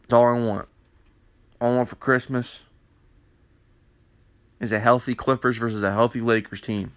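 A man's voice: mid-range voice, level tone, moderate pace, smooth, no room sound. A man hosting a basketball news panel in casual commentary, with a congested morning voice from a sinus infection, rambling with many fillers. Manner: rambling, filler-heavy, opinionated.

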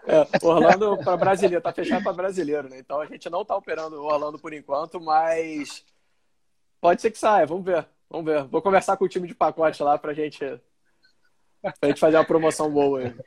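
Interview guest: male, Brazilian Portuguese accent, slightly high voice, relaxed slangy explainer. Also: brisk. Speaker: guest, customer experience director. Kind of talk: casual interview talk.

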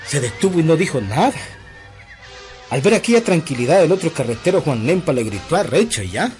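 Lively folk storyteller. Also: male voice, a little high, brisk, soft background music. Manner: folksy, addresses listeners as friend.

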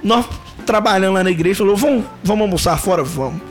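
Male guest, Belo Horizonte accent, fairly high voice, animated laughing storyteller, light music underneath. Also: quick pace. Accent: Belo Horizonte, Minas Gerais. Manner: animated, laughing storyteller who acts out dialogue. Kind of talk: casual podcast chat.

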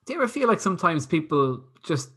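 A man's voice: on the high side, very animated, quick pace, bright, forceful tone, breathy edge. A man hosting a casual chat, talking loosely and laughing as he tells stories. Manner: chatty, laughs while telling stories.

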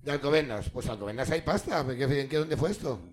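A man's voice: mid-range voice, fast talker. A man hosting a live comedy game show on stage, joking, teasing his guests and swearing a lot. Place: stage before a live audience.

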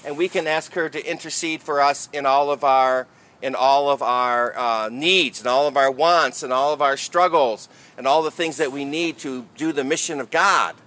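Bright-voiced man preaching as a priest. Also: medium pitch, moderate pace. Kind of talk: sermon and liturgical reading at Mass.

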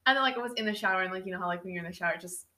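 Rapid-fire and sharp, a young adult woman with a medium-pitched voice hosts a podcast, relating a story casually with many fillers against a roomy echo.

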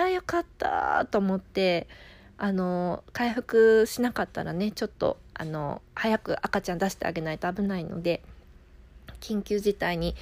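A woman's voice: medium pitch, darkish tone. A woman with a Kansai accent, a midwife casually telling her own birth story and acting out her inner thoughts. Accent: Kansai Japanese.

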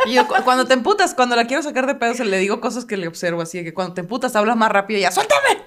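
Fast, lively woman telling stories. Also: on the high side, heavy background noise. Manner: lively storyteller acting out quotes. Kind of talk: casual chat among friends.

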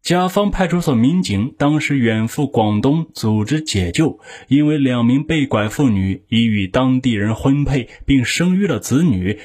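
A man reading scripted true crime narration in a measured, factual way, as a storyteller of criminal cases. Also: medium pitch, a little mellow, breathy edge.

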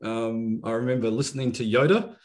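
A man in his fifties with a New Zealand accent, talking reflectively about himself in a measured, halting way with frequent pauses. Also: mid-range voice, steady tone, a little mellow. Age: 50s. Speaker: podcast guest. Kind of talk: reflective conversational self-introduction.

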